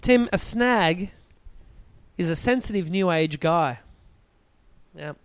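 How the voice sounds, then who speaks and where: A man's voice: sits high, animated, slow pace, clean tone, dry recording. A man co-hosting a casual chat show, rambling and self-deprecating with lots of restarts. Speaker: podcast co-host.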